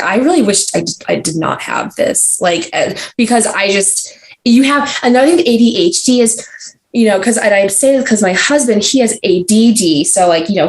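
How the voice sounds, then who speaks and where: A young adult woman, a podcast guest, talking in a casual, rambling way full of fillers and restarts. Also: mid-range voice. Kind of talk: casual conversational interview. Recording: roomy echo.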